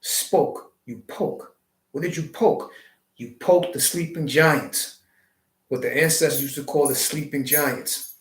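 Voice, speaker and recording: A man hosts a live stream, delivering a preachy spiritual monologue packed with wordplay and rhetorical questions. He speaks slowly in a voice on the high side, and the recording has a roomy echo.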